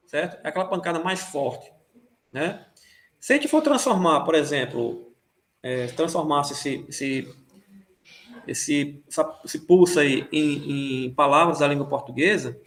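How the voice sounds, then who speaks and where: A man with a fairly high voice teaches an online music class. He explains slowly and loosely, with many fillers, restarts and little checks on whether everyone follows.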